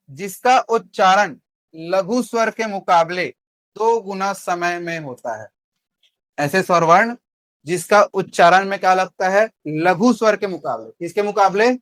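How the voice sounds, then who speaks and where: A young man with a Chhattisgarhi Hindi accent teaches Hindi grammar in a classroom, asking questions and then answering them himself. His voice is high, and the recording is dry with studio quality.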